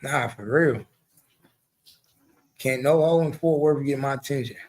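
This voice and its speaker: Speaking at medium pitch and a little slowly, a show host in his forties tells stories bluntly and animatedly in a casual chat, swearing a lot.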